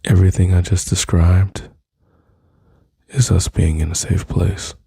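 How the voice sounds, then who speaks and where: Man, dark husky voice, intimate soothing whisper-talk, dry close mic. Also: low-pitched, little pitch movement, measured pace, dry recording. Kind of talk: soft-spoken ASMR comfort roleplay.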